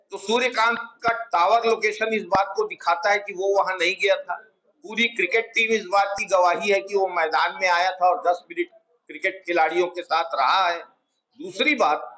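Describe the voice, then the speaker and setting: A middle-aged man giving a formal political statement at a press conference in a small office, measured and emphatic, repeating key words for stress. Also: high-pitched, pushed and bright, rough recording. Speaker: Congress party spokesman at a press conference. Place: small office room, indoors. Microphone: clip-on lapel mic, table of press mics.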